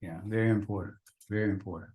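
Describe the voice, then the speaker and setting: A man's voice: on the low side, fairly even intonation, quick pace, a little mellow. A man teaching a faith-based marriage class, earnest and repetitive, asking the husbands in the audience rhetorical questions. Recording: echoey room.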